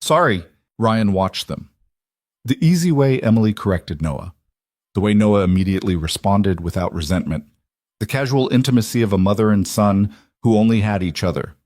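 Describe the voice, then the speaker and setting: A male narrator with a low voice reads a scripted story evenly and steadily. The recording is dry and close, with no room sound. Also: expressive, normal speed, mellow, dry recording.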